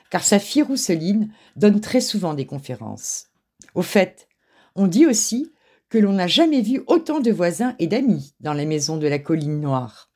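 A woman narrating a children's story in an expressive, animated way. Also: mid-range voice, slightly rough.

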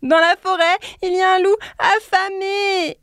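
A frantic little hare from a children's storybook cries out its warnings in a shrill, very high voice, as a woman reads it aloud. The cries come loud and urgent. The sound is dry and close, with no room around it. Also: little pitch movement, unhurried, no room sound. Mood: urgent alarm.

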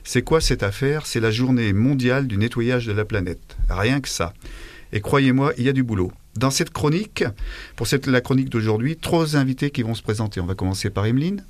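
A man's voice: medium pitch, lively intonation, fairly quick, darkish tone, no room sound. A man hosting a radio column in a studio, jovial and chatty, often correcting himself. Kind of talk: radio chronicle with guests. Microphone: studio microphone.

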